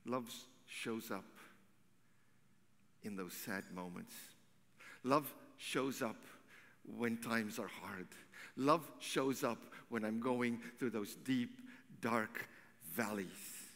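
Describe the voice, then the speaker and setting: Slow, dramatic male preacher in a reverberant church. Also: mid-range voice. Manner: dramatic, swinging from loud declaration to hushed near-whisper. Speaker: pastor. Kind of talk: sermon. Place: church sanctuary.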